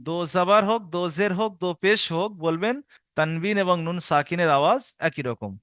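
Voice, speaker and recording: Man, Quran reading teacher, recorded lesson, slow stretched syllable drills, smooth resonant tone, dead dry sound. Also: high-pitched, no room sound. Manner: slow drawn-out syllable-by-syllable spelling drills alternating with steady explanation.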